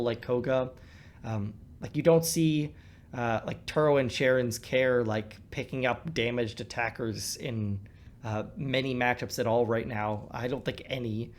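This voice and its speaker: A man's voice: mid-range voice, fairly even intonation, normal speed, slight background noise. A man giving casual commentary while playing a card game, thinking aloud with many ums and restarts. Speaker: co-host discussing a card game.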